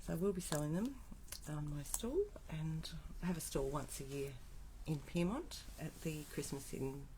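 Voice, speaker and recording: Speaking at a moderate pace in a low, mellow voice that a cold has left scratchy, an Australian craft demonstrator shows how to make cards on a live stream. She's chatty, with little asides to herself as she gets things ready.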